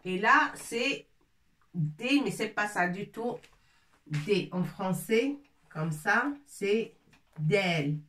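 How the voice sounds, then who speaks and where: A woman gives a slow, patient lesson, saying words again and again and breaking them into sounds. Her voice is mid-pitched and comes from a little off the mic. The room around her is echoey. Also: expressive, fairly bright tone, far from the mic. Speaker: Arabic teacher.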